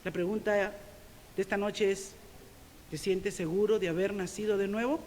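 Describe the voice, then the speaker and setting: A middle-aged woman preacher with a Peruvian Spanish accent delivers a sermon in a church sanctuary. She is emphatic, pressing points loudly and then dropping to soft, confessional asides. Her voice carries a long church reverb. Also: mid-range voice, fairly even intonation, normal speed, a little hiss or hum. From Peru.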